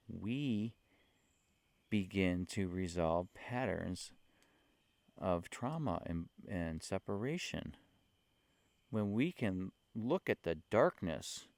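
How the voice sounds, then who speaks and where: A man talking slowly and earnestly about spiritual experiences into a handheld mic, with many fillers and soft laughs. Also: lowish voice, no echo. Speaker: spiritual vlogger. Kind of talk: casual spiritual talk to camera.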